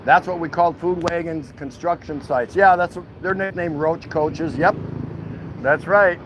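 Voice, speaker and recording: Fairly high in pitch and unhurried, an American man from Milwaukee jokes around with his viewers as a folksy livestream host at an outdoor city food truck. The recording has the highs cut off and slight background noise.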